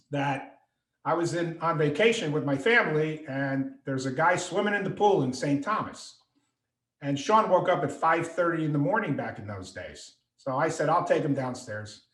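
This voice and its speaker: Man, middle-aged, animated storyteller, video call, slightly high pitch, echoey room. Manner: animated storyteller, acts out quoted voices. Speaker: author and speaker.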